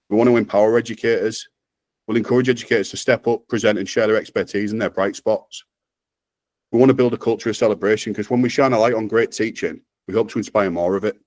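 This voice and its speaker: A man with a northern English accent giving an upbeat, rehearsed, persuasive pitch on a video call. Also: darkish tone, dry recording. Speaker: presenter.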